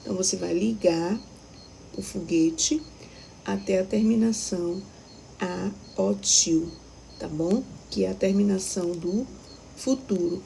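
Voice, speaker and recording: A woman's voice: medium pitch, a little slow, creaky, dark tone, a little hiss or hum, poor audio. A Brazilian woman teaching a recorded primary school lesson, patiently explaining step by step and checking that the children follow. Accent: Brazilian Portuguese.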